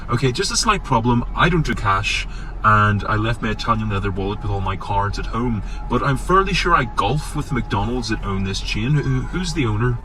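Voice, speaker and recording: A man's voice: on the low side, animated, moderate pace, low-quality recording. A man doing a snooty, pompous caller in a comedy sketch. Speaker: comedian playing a posh prank caller.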